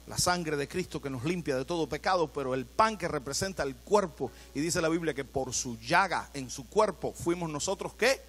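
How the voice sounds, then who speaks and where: A male pastor delivering an animated sermon in church, asking his congregation questions. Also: fairly high pitch, moderate pace, few pauses.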